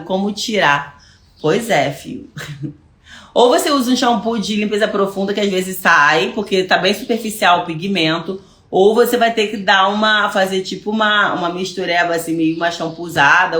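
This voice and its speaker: A woman's voice: medium pitch, a bit bright. A woman with a Brazilian Portuguese accent, a hairstylist giving a chatty live online class and answering viewer questions, often repeating words as she searches for them. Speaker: hairstylist teaching hair lightening. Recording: echoey room.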